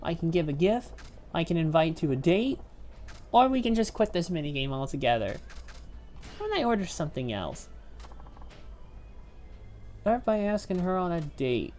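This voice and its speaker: A woman streaming a video game, talking through her choices out loud in a casual, joking way. Her voice is fairly low, and her pitch jumps up and down as she reacts. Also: moderate pace, soft background music. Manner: thinks aloud, jokey and animated. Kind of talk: casual gameplay commentary.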